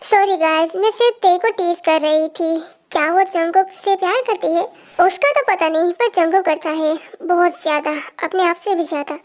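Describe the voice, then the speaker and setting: A narrator with an extremely high-pitched voice performs a fan story aloud, voicing all the characters in a lively way and moving swiftly from one to another.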